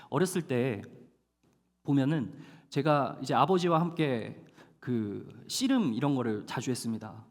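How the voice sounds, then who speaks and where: A male pastor preaching a sermon to a young adult congregation, animated and storytelling, with dramatic slowdowns for emphasis. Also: mid-range voice. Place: church hall. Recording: long hall reverb.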